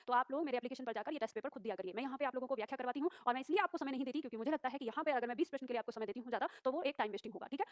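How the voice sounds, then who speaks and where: A woman teacher rushing through exam questions and explaining each answer briskly. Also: high voice, no room sound, studio quality. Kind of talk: exam-prep class.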